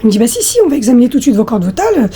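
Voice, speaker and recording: A woman in her thirties talks to her followers in a relaxed, chatty vlog, her husky voice a little hoarse from a recent flu. She sits slightly high for a woman and sounds soft and mellow. She often hesitates and reaches for the next word. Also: rapid-fire. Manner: hesitant, many fillers, talks directly to viewers. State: hoarse after flu, coughing. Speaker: lifestyle vlogger. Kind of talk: casual chatty storytelling.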